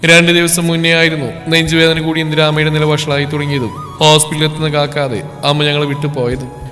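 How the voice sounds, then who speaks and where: Male storyteller, scripted narration, fairly high voice, flat delivery, reverberant recording, soft background music.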